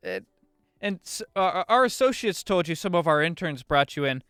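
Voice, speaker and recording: Playful, halting young man co-hosting radio. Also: fairly high pitch, very animated, fairly bright tone, smooth, no echo, clean studio sound. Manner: playful, halting with many fillers and restarts. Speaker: radio show co-host. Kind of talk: comedic radio talk show.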